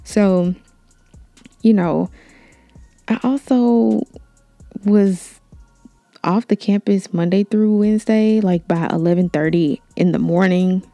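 A young woman hosting a podcast, telling a personal story in a candid, animated way, with slang. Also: mid-range voice, takes it slowly, pauses often, no room sound, soft background music. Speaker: podcast host. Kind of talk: story time.

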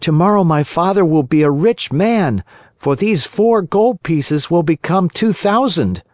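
A man's voice: fairly high pitch, animated, unhurried, darkish tone, dry recording, studio quality, pitched above the performer's own voice. A man voicing a naive, stubborn wooden puppet boy. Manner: insistent, childish.

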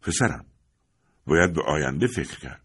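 A man voicing a weary, quiet immigrant father in an audiobook, speaking softly and soothingly. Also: rumbling low, lively intonation, slightly rough, pitched below the performer's own voice, exaggerated voice. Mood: gentle.

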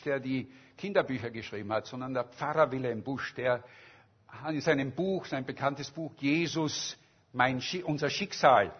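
A male preacher retelling a story in a sermon, slow and emphatic with dramatic stresses. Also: on the high side, slightly rough, muffled recording.

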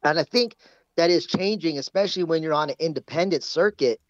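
A man's voice: a little high, brisk, no echo. A man calling in by phone, talking in a casual, rambling way with restarts, and sick with the flu. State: has the flu, coughing at times. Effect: heard over a phone line. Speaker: caller. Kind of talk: casual call-in chat. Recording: dull phone-line sound, dry.

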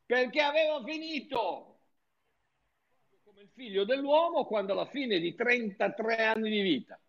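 Guy preaching bible stuff, high voice, fired up and chatty, keeps restarting, dull muffled sound. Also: unhurried. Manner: fervent, chatty, with frequent restarts. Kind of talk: informal Bible teaching.

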